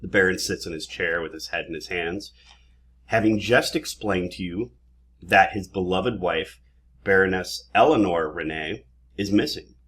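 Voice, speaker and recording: A man's voice: deep voice, unhurried, fairly bright tone, husky. A man acting as game master, chatting casually and laughing often as he rambles through the setup. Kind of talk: casual tabletop game chat.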